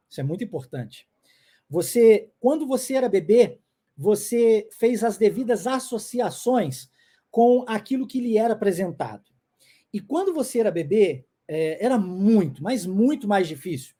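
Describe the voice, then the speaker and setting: Raised in the United States with English as his first language, this middle-aged man has a high, warm voice. He teaches a live online lesson and frequently checks in with his viewers.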